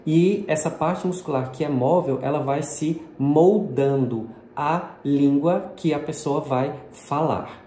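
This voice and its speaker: A man's voice: on the high side, slow pace, few pauses, warm tone. A man from Brazil giving a patient, explanatory video lesson on phonetics, sprinkling his speech with diminutives. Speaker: linguistics teacher. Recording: echoey room with faint noise.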